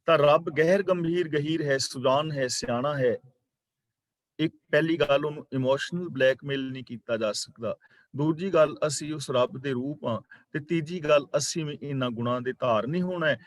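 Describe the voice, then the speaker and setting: A man teaching a daily scripture class online, explaining the meaning of each word, correcting pronunciation and reciting verses slowly. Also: a little high, dry recording. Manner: slow, deliberate recitation of verses. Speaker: religious teacher. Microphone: online class microphone.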